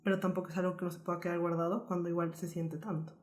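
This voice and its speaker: A young woman from Colombia earnestly telling a painful personal story as a podcast co-host, in a lively, flowing way. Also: lowish voice, very fast.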